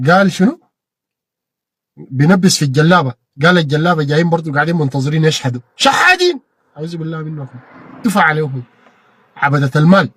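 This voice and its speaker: Fiery fast-talking Sudanese man, husky. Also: on the high side, no echo. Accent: Sudanese Arabic. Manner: fiery, repeats phrases, bursts into shouted peaks. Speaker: political commentator. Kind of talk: impassioned monologue.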